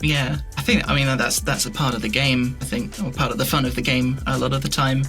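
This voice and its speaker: Over music, a man speaks in a steady, fairly quick mid-range voice. He's a fantasy audio drama maker being interviewed on a podcast, reflecting informally on his creative work and frequently rephrasing mid-thought.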